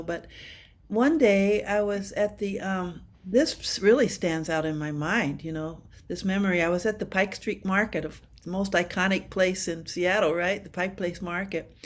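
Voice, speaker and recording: A woman's voice: on the low side, steady tone, normal speed. A woman in her seventies from Washington state, a percussionist guest chatting animatedly over a video call and laughing often. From Washington state, USA. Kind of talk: casual interview chat.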